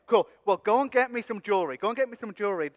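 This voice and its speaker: A man's voice: high voice, expressive, very fast. Aaron, a man playing a cocky joker. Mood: playful scheming. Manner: joking, coaxing the crowd. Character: Aaron, a cocky, playful male leader. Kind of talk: comic church skit acting. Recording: dull sound with long hall reverb.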